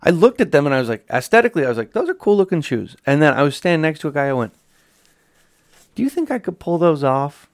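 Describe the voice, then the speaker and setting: A man's voice: on the high side, very animated, fast, dry recording, studio quality. A man of thirty telling stories in a casual podcast chat, swearing freely and poking fun at himself. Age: 30s. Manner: profane, storytelling, self-mocking. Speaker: podcast co-host.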